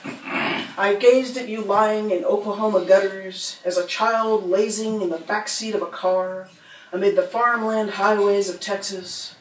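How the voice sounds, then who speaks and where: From across a roomy bookstore reading room, a distant camera catches a middle-aged American woman performing spoken word poetry at a standing mic, a faint hum in the background. Her middle-pitched voice moves in a rhythmic, rhyming cadence with fairly even intonation, a little slow. She laughs softly between poems.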